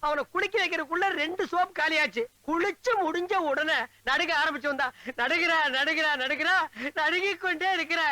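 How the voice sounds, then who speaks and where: A man's voice: extremely high pitch, fairly quick, sharp tone, full character voice. An actor playing a fussy, gossipy male servant in a comic film scene, whining as he tells his tale. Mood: fussing.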